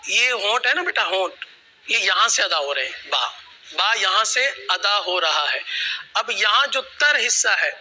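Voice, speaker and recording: A man's voice: high-pitched, expressive, sharp tone, a little hiss or hum, low-quality recording. A man teaching children to pronounce Arabic letters, patiently drilling each sound and having them repeat it after him. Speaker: Quran recitation teacher.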